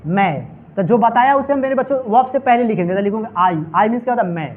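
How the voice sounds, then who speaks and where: A man's voice: high voice, lively intonation, fast talker. A male English teacher giving a classroom lecture, asking his students question after question and calling them "my children". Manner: repetitive call-and-response questioning. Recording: tinny phone-like audio.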